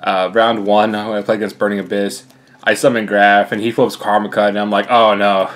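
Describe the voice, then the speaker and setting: Here a brisk young card player with a lowish, fairly monotone voice chats about his deck, slightly winded and full of fillers as he rambles on.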